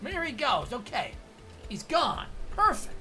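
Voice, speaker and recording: A woman streams a game and thinks aloud, asking herself questions about where to go next. Her voice is bright and slightly high. Faint game music runs under her talk. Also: wildly swooping pitch, measured pace. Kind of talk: casual gameplay commentary.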